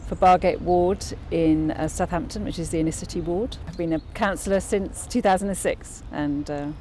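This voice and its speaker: A woman speaks as a councillor in an interview, her voice low and mellow. She talks thoughtfully, restarting sentences and filling pauses. Faint outdoor noise sits behind her. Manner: thoughtful, frequent restarts and fillers. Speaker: local councillor. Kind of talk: interview answers.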